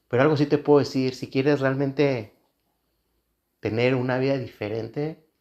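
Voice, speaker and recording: A man's voice: medium pitch, a little mellow, muffled recording. A man, a pastor, preaching a sermon in an earnest way, repeating phrases for emphasis.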